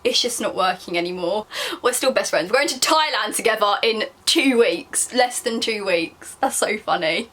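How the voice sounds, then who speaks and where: Bright, embarrassed young southern English woman reading aloud. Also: medium pitch, animated, normal speed. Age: young adult. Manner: embarrassed, self-mocking while reading aloud. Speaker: vlogger. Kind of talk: casual diary reading with asides.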